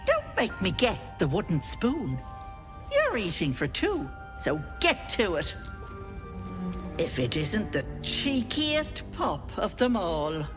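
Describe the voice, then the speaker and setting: A woman's voice: low voice, heavily acted. A woman playing an old auntie hag in a video game, wheedling and scolding with mock-sweet endearments. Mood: stern scolding. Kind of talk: video game character acting.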